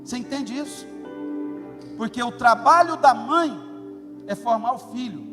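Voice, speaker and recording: High-voiced middle-aged pastor guy, preaching hard with big stresses, long church hall echo. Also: a little slow. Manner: emphatic, animated preaching with sudden loud stresses. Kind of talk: sermon. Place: church auditorium. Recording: long hall reverb, faint music.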